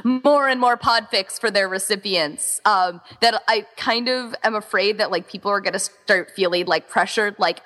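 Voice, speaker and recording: Speaking at normal speed with few pauses, this woman has a mid-range, pushed, bright voice. She is an event organizer chatting as a podcast guest, informal and effusive with frequent "like," recorded with long reverberation.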